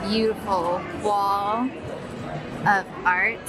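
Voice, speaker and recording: A mom in her thirties vlogs casually over loud music, touring a resort outdoors and an indoor arcade with her phone or camera at arm's length. Her medium-pitched voice is steady and her words drawn out as she points things out in a chatty, upbeat, tour-guide way.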